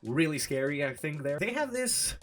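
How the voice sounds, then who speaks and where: A man's voice: on the high side, very animated, moderate pace, fairly bright tone, faint music behind. A man from France with a French accent, talking English in a casual, rambling, sarcastic vlog style full of "like" fillers. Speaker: vlogger. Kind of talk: casual chatty explainer.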